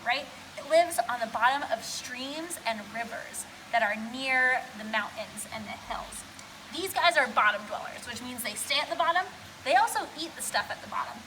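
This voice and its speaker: A woman's voice: high voice, pushed and bright, a little hiss or hum, low-quality recording. A woman speaking as a cheery, friendly zookeeper, explaining things simply for children in an educational talk. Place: indoors beside an aquarium tank at a science center.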